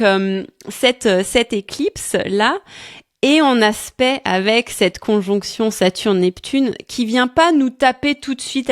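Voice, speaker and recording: A woman talks through astrology in a relaxed, chatty way, often pausing and restarting as she searches for words. She sounds tired, laughs easily, and the sound is dry and close. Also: mid-range voice, dry recording. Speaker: astrology coach co-host. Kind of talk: casual astrology talk.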